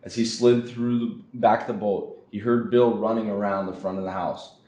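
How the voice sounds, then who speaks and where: A man's voice: lowish voice, moderate pace. Young man reading a children's story. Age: young adult. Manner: expressive reading. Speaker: student storybook reader. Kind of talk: children's story read-aloud. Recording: roomy echo.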